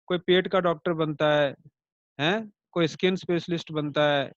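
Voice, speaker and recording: A man's voice: on the high side, fairly even intonation, moderate pace, dry recording, highs cut off. A man teaching an online astrology class, conversational, checking in with his students and explaining through everyday comparisons and light jokes.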